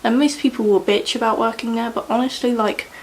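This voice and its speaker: A woman's voice: on the high side, steady tone, a little fast, a little mellow, slight background noise, low-quality recording. A young woman chatting casually in a rambling way while doing her makeup at home, with lots of fillers. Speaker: beauty vlogger.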